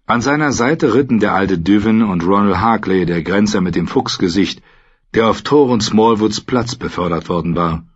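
A man reading an audiobook in a measured, low-key narration. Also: breathy edge. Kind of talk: scripted narration. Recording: dull lo-fi recording.

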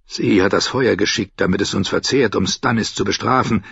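A man voicing a weary, loyal older sea captain, hoarse and grave, in a storybook reading. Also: lowish voice, normal speed, a bit bright, dry recording, lo-fi sound, heavily acted. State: hoarse after coughing.

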